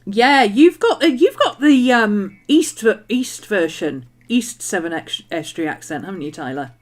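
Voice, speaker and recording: A mid-range voice with lively intonation at a moderate pace comes from a middle-aged West Country woman whose English accent blends West Country and Manchester. Chatting casually while crafting on her journaling stream, she's bubbly, laughs often and says um a lot, over faint music.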